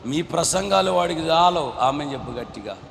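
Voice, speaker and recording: A man preaching a sermon as pastor, urging the congregation to respond and rising into shouted exhortation. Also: fairly high pitch, animated, normal speed, creaky, slight background noise. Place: large church hall. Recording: echoey hall from far off.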